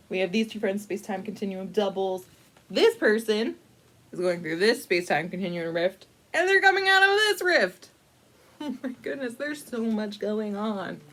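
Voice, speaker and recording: Reading a picture book to a room of adults, this library storyteller improvises a casual storytime with playful, wry asides delivered with mock-dramatic commitment. Her voice is medium-pitched and fairly bright, and she keeps things conversational, often pausing to think out loud.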